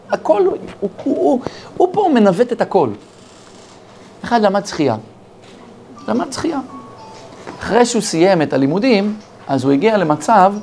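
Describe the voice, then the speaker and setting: A man's voice: high voice, creaky, slight background noise. A man, a rabbi with an Israeli accent, giving a sermon full of parables and acting out the dialogue in his stories. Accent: Israeli Hebrew. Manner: animated storyteller acting out dialogue.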